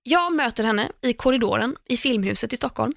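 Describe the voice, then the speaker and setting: A young woman chatting casually on a podcast, telling an animated story full of fillers and restarts. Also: on the high side, vocal fry, no echo, clean studio sound. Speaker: podcast host.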